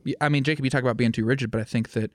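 A man's voice: medium pitch, steady tone, racing, no room sound, clean studio sound. Playful man co-hosting a faith podcast. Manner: playful, laughs often, theatrical asides. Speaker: podcast co-host. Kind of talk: casual faith podcast chat.

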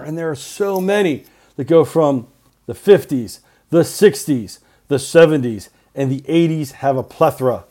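Mellow teacher man in short phrases. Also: fairly high pitch. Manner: clipped short phrases, earnest reminders. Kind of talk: class podcast announcements.

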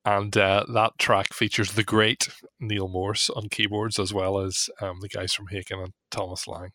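A man's voice: on the low side, little pitch movement, unhurried, pushed and bright, dry recording. A man with a Northern Irish accent, chatting casually as a co-host on a music podcast.

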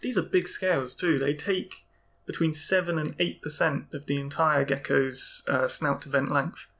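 A man with a fairly high voice for a man, chatting casually with his podcast co-host. He is jokey and talkative and often laughs. He adds asides and personal stories as the conversation goes. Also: fairly even intonation, normal speed, creaky, fairly bright tone.

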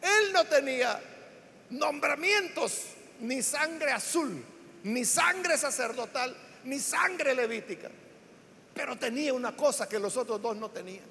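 Preacher, man, high bright voice with gravelly edges, emphatic and repetitive, long hall reverb. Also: animated, unhurried, slight background noise. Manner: emphatic, rising into shouts on key words; builds lists with repeated phrases. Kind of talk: sermon.

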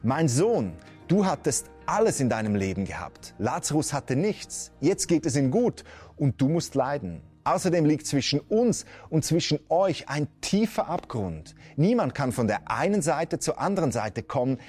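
A man reading out the firm answer of the patriarch Abraham within a sermon, in his own husky voice. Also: on the high side, big pitch swings, normal speed, darkish tone, faint music behind.

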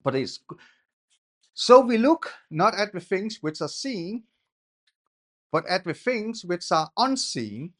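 A man from Denmark preaches an informal sermon with a high voice. He talks conversationally, restarting and repeating words. He rises into emphatic bursts when he presses a point. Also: sing-song, takes it slowly, long pauses, a bit bright.

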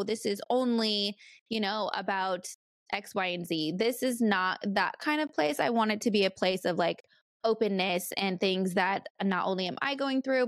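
A woman's voice: mid-range voice, no echo, studio quality. A woman in her late thirties from California, hosting her own podcast in a rambling, chatty way with plenty of fillers. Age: 30s. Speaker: podcast host. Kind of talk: casual solo podcast chat.

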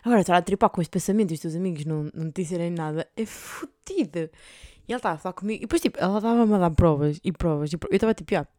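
A woman's voice: fairly low pitch, rapid-fire, a little mellow, no echo, clean studio sound. A young adult woman with a European Portuguese accent, telling a rambling story on her podcast, with lots of fillers and casual swearing. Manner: chatty, rambling, heavy filler words and swearing. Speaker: podcast host.

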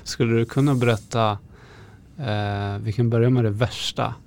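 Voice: mid-range voice, fairly even intonation, darkish tone, slight background noise. An interviewer who asks questions hesitantly and answers with brief affirmations.

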